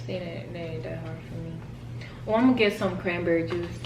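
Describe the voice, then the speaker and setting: A woman hosting a casual mukbang vlog, chatting in a relaxed, slangy way. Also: lowish voice, brisk, reverberant, over music, poor audio. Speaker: vlogger host.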